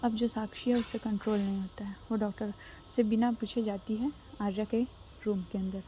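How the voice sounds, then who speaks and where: A woman's voice: mid-range voice, steady tone, moderate pace, dark tone, slight background noise. A woman narrating a love story casually and conversationally, slipping English words in.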